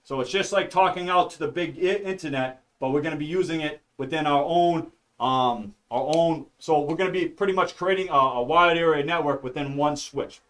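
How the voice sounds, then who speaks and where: Man, slightly high voice, casual stream teacher, rambling, keeps asking "all right?". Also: normal speed, few pauses, fairly bright tone. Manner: rambling and talkative, says "all right?" and "okay?" constantly; jokey, mutters to himself. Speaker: study stream host teaching networking.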